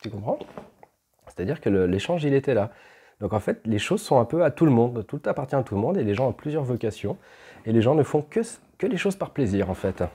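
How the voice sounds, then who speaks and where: A man's voice: medium pitch, very animated, fairly quick, warm tone, slightly rough. A man telling a personal story at home in a casual, rambling way, with many fillers and restarts. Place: at home, with pets.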